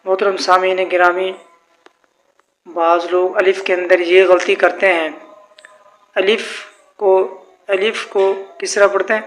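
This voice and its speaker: A man teaching a tajweed pronunciation lesson, speaking slowly and formally and drawing out the letters he demonstrates. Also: high voice, level tone. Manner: slow, formal address with drawn-out demonstrated letters. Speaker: Quran recitation teacher. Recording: echoey room.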